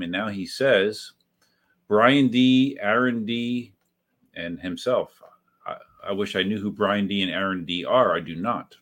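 A man's voice: lowish voice, a bit bright. A man hosting a livestream, chatting casually, rambling and correcting himself as he reads out viewers' messages after a few drinks. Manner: rambling and self-correcting, talks to viewers by name. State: has had a few drinks. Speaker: livestream host.

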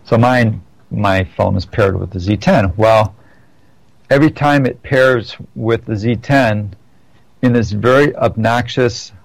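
A man's voice: lowish voice, unhurried, creaky, dry recording, low-quality recording. Chatty man trading riding stories. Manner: rambling, with many restarts and self-corrections. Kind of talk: casual chat.

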